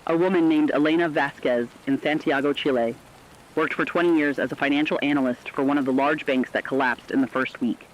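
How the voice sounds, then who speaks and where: A man with a slightly high, natural voice reads a scripted documentary-style report plainly and briskly in a steady tone. He plays a sober radio correspondent relaying survivor testimony, and the audio has a dull lo-fi radio quality with faint noise.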